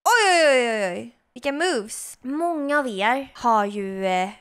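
A young woman chatting casually to viewers while gaming, giggly and excitable, breaking into shrieks when something surprises her. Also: a little high, smooth. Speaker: girlfriend of the host, gaming on camera.

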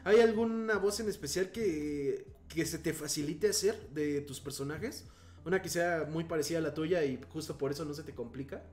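A Mexican man with a slightly high voice hosts a casual interview podcast. He asks long, winding questions. He keeps his guest going with short, agreeable replies. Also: moderate pace, a little mellow. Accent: Mexican Spanish. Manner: agreeable, frequent short affirmations.

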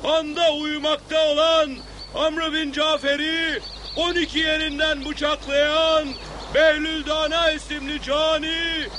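A male actor playing a town crier in a period drama, loudly proclaiming news to townspeople in drawn-out calls. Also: extremely high pitch, flat delivery, slight background noise, exaggerated voice. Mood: urgent proclaiming.

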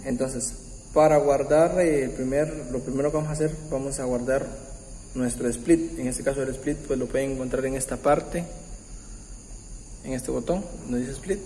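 Mellow-voiced man teaching keyboard, echoey room. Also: mid-range voice, fairly even intonation, slight background noise. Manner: warm, patient, uses religious greeting; halting, many fillers and restarts. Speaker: keyboard tutorial host. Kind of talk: casual step-by-step tutorial. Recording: roomy, echoey room with long reverb. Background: faint keyboard music.

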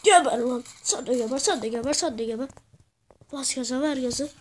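A woman giving rowdy gameplay commentary, cursing and yelling at the game as she plays. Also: high-pitched, fairly quick, slight background noise. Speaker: gamer.

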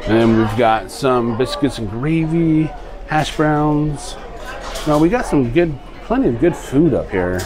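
A crowd murmurs behind a very animated travel vlogger whose mid-range voice keeps a measured pace. He gives a casual, rambling handheld tour of a ship's buffet restaurant indoors, and the recording is low quality.

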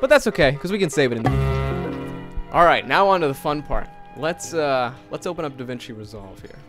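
In a small bedroom, a young man whose first language is Finnish jokes around as he explains how he edited a video for his casual tutorial vlog, holding a dynamic mic close. The video creator's voice is on the high side and a little fast, he's chatty and animated, and there's music in the background.

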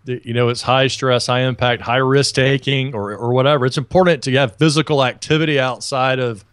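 Speaking over an earbud headset on a video call, this Alabama podcast guest in his thirties is talkative and cheerful, frequently starting his sentences over. His voice sits mid-range and steady, moving fairly quickly with a slightly bright, clean, echo-free studio-quality sound.

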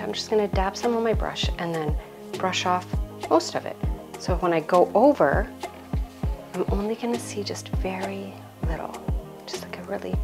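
A gravelly, mid-range voice belongs to a woman in her thirties who makes home decor videos on YouTube. Wearing a lapel mic, she hosts a DIY tutorial inside her home, around the hallway and a craft table, keeping it chatty, self-deprecating and full of playful asides.

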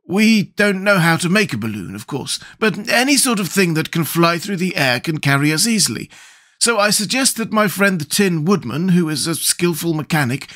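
A thoughtful scarecrow of straw muses aloud in a high, lilting voice, played by a man reading a storybook. He sounds gentle and pleased with his own clever brains, his pitch leaping and falling. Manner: gentle and philosophical.

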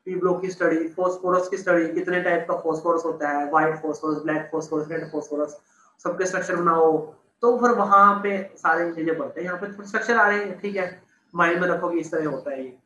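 High-voiced man teaching chemistry, echoey room. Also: a little fast, sharp tone, a little hiss or hum. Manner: casual, repeats terms, checks students follow. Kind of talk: online class explaining on a board.

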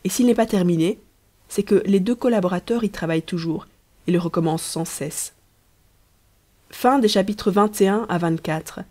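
Woman reading a novel aloud. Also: medium pitch. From Belgium. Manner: measured storytelling, lively dialogue. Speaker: audiobook reader. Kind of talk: scripted narration.

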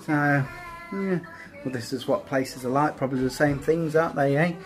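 A man's voice: a little high, normal speed, faint music behind, poor audio. A man, chatting casually to viewers about feeding his kids, rambling and easygoing. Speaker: vlogger. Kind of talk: casual home vlog chat. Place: small home kitchen and living room. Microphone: phone held at arm's length.

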